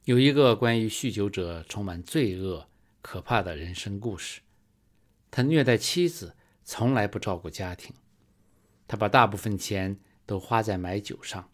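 A man preaching a sermon in a slow, measured storytelling manner, rising for emphasis. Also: on the low side, animated.

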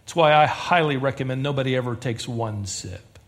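This pastor's voice is medium in pitch and a little bright, and he talks fairly fast. Addressing a congregation, he delivers his sermon with earnest emphasis, his intensity building as he presses each point.

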